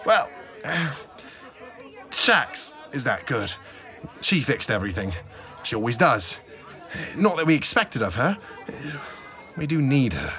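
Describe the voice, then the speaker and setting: A man playing an excitable, good-natured tavern crew member in a fantasy audio drama, animated and expressive. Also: mid-range voice, slow, pauses often, faint music behind, a faint crowd, full character voice. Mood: sheepish praise.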